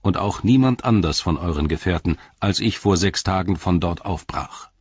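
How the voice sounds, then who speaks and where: A man playing a grave, commanding captain who questions sternly, with a deep, husky voice. The storybook recording is dry and muffled. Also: normal speed, a little mellow, dry recording. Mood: probing. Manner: stern, interrogating.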